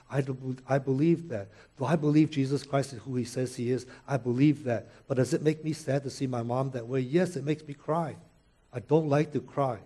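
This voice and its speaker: A man's voice: mid-range voice, mellow. A man in his sixties preaching a sermon, earnest and searching, often asking his listeners questions and quoting others. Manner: earnest, questioning, with quoted asides. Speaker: pastor.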